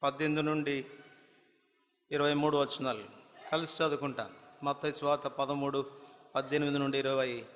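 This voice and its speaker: A man's voice: medium pitch, flat delivery, normal speed, pauses often, a bit bright. A man preaching a sermon, telling a story and firing rhetorical questions at the congregation, building to impassioned appeals. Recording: long reverb of a large hall.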